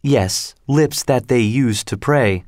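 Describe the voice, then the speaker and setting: A young noble girl speaks in a gentle, playful way, voiced by a male reader. The reading is slow and unhurried, with a dry, close sound. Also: medium pitch, no echo, natural voice.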